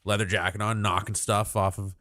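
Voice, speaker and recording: A man's voice: lowish voice, flat delivery, fairly quick, fairly bright tone, dry recording, clean studio sound. A man hosting a livestream, chatting casually about politics in a rambling way, full of fillers and restarts. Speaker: livestream host.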